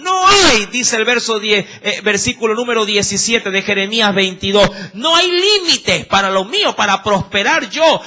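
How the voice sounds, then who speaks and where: Male preacher, Ecuadorian accent, very high voice, slow and deliberate, emphatic rhetorical questions. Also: bright, forceful tone. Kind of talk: sermon.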